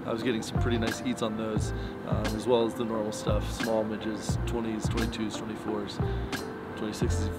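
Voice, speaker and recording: A man in his thirties, a fly shop owner, gives a casual fishing report to the camera outdoors in the snow beside pickup trucks. His voice is fairly low and flat at a normal speed, with lots of fillers and restarts. Music plays underneath.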